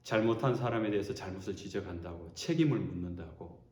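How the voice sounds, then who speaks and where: A man preaching a sermon as pastor, animated and expressive, acting out quotes as he goes. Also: deep voice, quick pace. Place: church sanctuary. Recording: roomy church echo.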